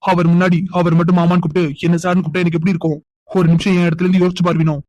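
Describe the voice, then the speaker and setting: Man voicing a flat-toned cartoon young man. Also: high voice, racing, dry recording, natural voice. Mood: defensive. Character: young man Karthik, remorseful fiancé. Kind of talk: cartoon dubbing.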